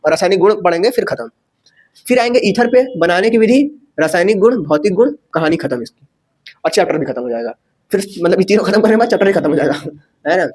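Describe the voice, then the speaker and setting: High-voiced chatty male chemistry teacher. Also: animated, fast, darkish tone. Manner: chatty, asks rhetorical questions, jokes and corrects himself. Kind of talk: casual chalkboard lecture.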